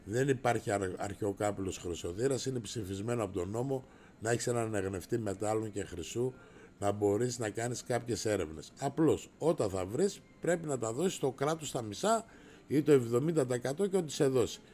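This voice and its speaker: A man's voice: mid-range voice, a little hiss or hum. A middle-aged man hosting a casual livestream, brash and rowdy, swearing and raising his voice as he answers viewers. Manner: raises his voice to shout.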